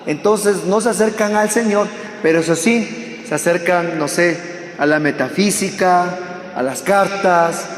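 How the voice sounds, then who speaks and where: High-voiced fervent male preacher. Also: measured pace. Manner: fervent, addresses the audience directly; swings between loud exhortation and hushed tones. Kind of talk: sermon. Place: hall with a live audience. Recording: echoey hall with long reverb.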